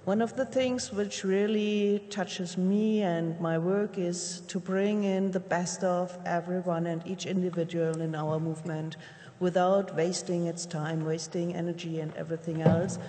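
A woman's voice: fairly low pitch, fairly even intonation, unhurried, mellow. Woman speaking in a reverberant hall. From Germany. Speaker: board member. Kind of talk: panel self-introduction.

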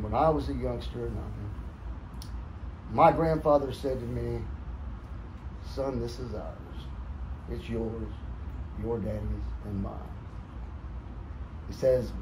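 A middle-aged cowboy poet with a cowboy drawl, talking casually and reciting verse. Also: male voice, mid-range voice. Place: boot shop, indoors. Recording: noisy shop room ambience.

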